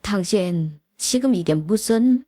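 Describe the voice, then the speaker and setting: A woman voicing a stunned, furious police officer who gruffly takes charge of his own wife. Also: mid-range voice, animated, slow, dark tone, dry recording, studio quality, pitched below the performer's own voice. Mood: angry.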